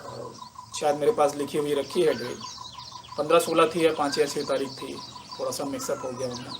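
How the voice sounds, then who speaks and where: A man with a slightly raised pitch shares a spiritual testimony in a slow, pausing, reflective way. He is moved to tears at times. Faint birdsong runs behind him outdoors. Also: steady tone, noisy background. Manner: slow, reflective and emotional, with many pauses and fillers. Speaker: meditation teacher.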